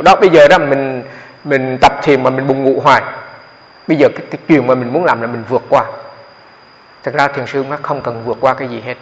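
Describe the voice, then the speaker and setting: A man, a Buddhist monk giving a dharma talk on meditation in a conversational, explanatory way, often repeating his words. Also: mid-range voice. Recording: echoey hall, dull lo-fi sound.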